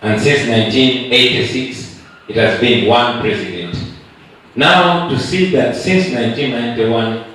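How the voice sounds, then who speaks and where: A man's voice: medium pitch, measured pace, a bit bright. A man with a Ugandan accent, politely building up a question from the audience at a conference. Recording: echoey hall, distant mic.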